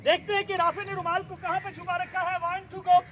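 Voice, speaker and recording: A middle-aged man, performing magic tricks for schoolchildren outdoors, loud and showy, coaxing the kids along. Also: very high-pitched, flat delivery, moderate pace. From Pakistan. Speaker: stage magician. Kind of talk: live magic show patter for schoolchildren. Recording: noisy outdoor crowd. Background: crowd of children and street noise.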